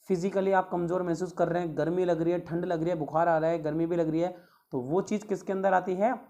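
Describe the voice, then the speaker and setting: Guy teacher doing exam answers, mellow voice, reads english qs slow then explains casual. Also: high-pitched. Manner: reads English questions slowly, then explains in chatty Hindi with rhetorical questions. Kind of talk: exam question walkthrough lesson.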